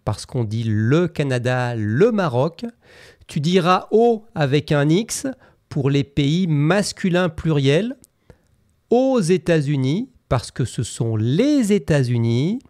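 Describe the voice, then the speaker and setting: A man teaching common mistakes in a scripted lesson, saying each example sentence slowly and carefully. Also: on the high side, darkish tone, dry recording, studio quality. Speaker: French teacher.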